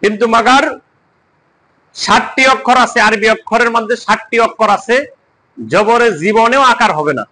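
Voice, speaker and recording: A man's voice: sits high, moderate pace, pauses often, bright, forceful tone, poor audio. A man teaching Quran letters and vowel marks, drilling students with repeated questions and chanted answers. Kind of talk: call-and-response lesson.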